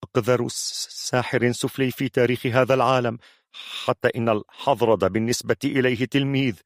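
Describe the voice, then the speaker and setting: A man's voice: mid-range voice, fairly even intonation, a little fast, dry recording, clean studio sound, close to an everyday voice. A man voicing a nervous male storyteller of hidden lore who stammers heavily on his first sounds. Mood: nervous, secretive. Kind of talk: audiobook character voice.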